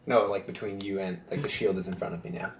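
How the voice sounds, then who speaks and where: A man playing a tabletop game, talking in a halting, hesitant way. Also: sits low, fairly even intonation, a little hiss or hum. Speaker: player. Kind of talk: casual tabletop play.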